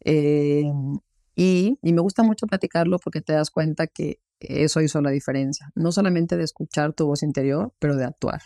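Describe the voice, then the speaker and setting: A man's voice: fairly high pitch, moderate pace, warm tone, no echo, studio quality. A man, a podcast guest, talking earnestly and reflectively, with frequent fillers. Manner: earnest, many fillers like "este" and "¿no?". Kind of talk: reflective interview talk.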